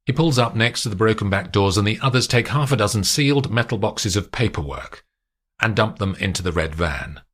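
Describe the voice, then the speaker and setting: A male narrator reading a spy audiobook in a steady, descriptive way. His voice is low, yet his pitch moves expressively from line to line. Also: a little fast, slightly rough.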